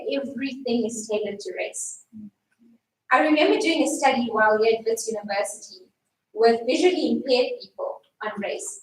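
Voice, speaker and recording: South african woman making her point at a panel, high voice, echoey hall, mic kinda far off. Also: a little hiss or hum. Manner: earnest, emphatic, persuasive. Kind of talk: panel discussion speech.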